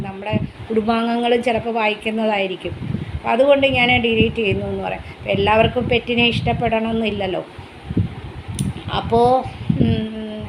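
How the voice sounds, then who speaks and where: A woman's voice: a little high, background noise. A middle-aged woman chatting casually to her viewers as a pet vlogger, rambling and restarting as she goes.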